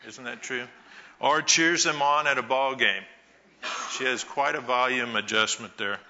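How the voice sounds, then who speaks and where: A man giving a Mother's Day talk to a church congregation, telling folksy stories with pauses. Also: mid-range voice, sharp tone, muffled recording, slight background noise. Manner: slow, folksy storytelling with pauses. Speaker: church speaker.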